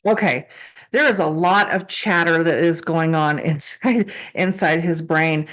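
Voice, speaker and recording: Woman, lowish voice, tarot card reader, casual improvised delivery, conversational, repeats phrases for emphasis. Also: measured pace, a bit bright.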